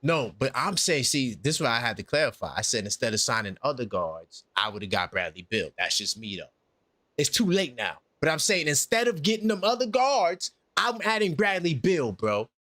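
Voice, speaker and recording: A man's voice: mid-range voice, big pitch swings, moderate pace, pushed and bright, no room sound. A man in his forties hosting a sports talk show, emphatic and repeating his points. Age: 40s. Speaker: host.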